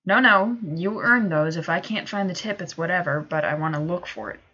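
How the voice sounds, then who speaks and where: A woman's voice: fairly low pitch, normal speed, sharp tone, muffled recording. A woman voicing an honest young woman coworker, earnest and polite.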